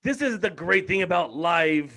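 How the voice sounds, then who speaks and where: A man hosting a casual podcast over a video call, lively and teasing with his guests. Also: sits high, moderate pace, gravelly. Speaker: podcast host.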